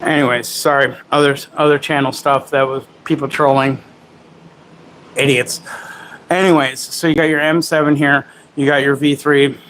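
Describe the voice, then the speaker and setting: A man's voice: medium pitch, flat delivery, moderate pace, fairly bright tone, slight background noise, rough recording. A man hosting a casual livestream, demoing camera gimbals and chatting with viewers in a rambling, self-correcting way. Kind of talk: casual live product demo.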